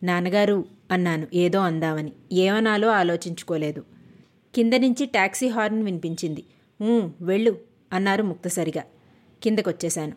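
This is an audiobook narrator, a woman of medium pitch, telling the novel's story in a calm, measured, even way.

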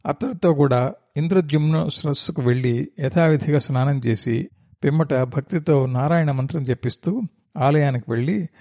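A male storyteller reads a classical tale aloud in a steady, formal manner. His tone is mellow and warm. The recording is dry and close, with no room sound. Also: medium pitch, no echo. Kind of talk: scripted narration.

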